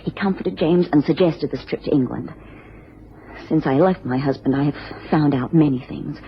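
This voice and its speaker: In a dull, noisy old radio recording, a woman with a low, natural voice plays an anxious, genteel American wife in a radio drama. She speaks at a normal speed, formally and earnestly, choosing her phrasing carefully and sounding worried.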